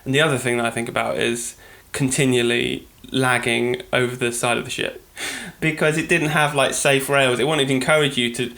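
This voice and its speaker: A man's voice: mid-range voice, little pitch movement, brisk, vocal fry, pushed and bright. Chatty British man, podcast co-host, rambling delivery with frequent self-corrections, mid-range voice. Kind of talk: casual podcast monologue.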